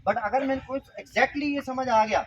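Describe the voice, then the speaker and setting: A man with a very high-pitched voice speaks at a moderate pace while leading a mind-power workshop for school students. The interactive talk is playful, with him quizzing the audience, and the audio has its highs cut off and slight background noise.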